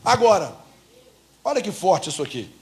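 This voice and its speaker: A Brazilian pastor preaching to his church in a high, ringing voice. He is emphatic and keeps throwing questions back at the congregation, driving each point home. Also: sing-song, normal speed. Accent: Brazilian Portuguese. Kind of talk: sermon.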